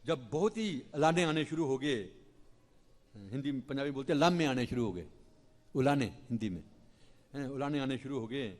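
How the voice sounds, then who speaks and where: A male preacher telling a devotional story in an animated, dramatic way. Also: medium pitch, normal speed, long reverb tail. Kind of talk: storytelling sermon. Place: temple hall.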